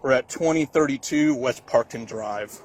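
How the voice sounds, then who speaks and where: A man's voice: medium pitch, moderate pace. A male police officer giving terse, businesslike operational talk to colleagues. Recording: noisy police bodycam audio.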